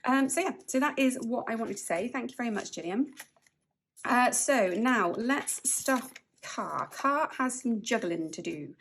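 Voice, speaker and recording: A woman's voice: on the high side, animated, unhurried, a bit bright, slight background noise. A woman vlogger from the UK chatting casually while she counts cash aloud and laughs often. She sounds a bit spaced out from medication. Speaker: budgeting vlogger.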